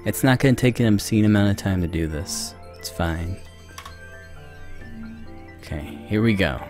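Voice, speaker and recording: With music in the background and a mic on a boom arm, a young video game streamer chats casually to viewers, rambling and self-mocking as his focus drifts. His fairly low voice has lively intonation and moves at normal speed.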